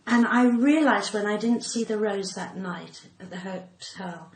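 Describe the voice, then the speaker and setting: A measured, mid-range voice: an older English comedian and actor with a cut-glass, well-spoken accent, telling candid anecdotes as a podcast interview guest. She acts out quoted speech dramatically, and the sound has a roomy echo with faint background noise.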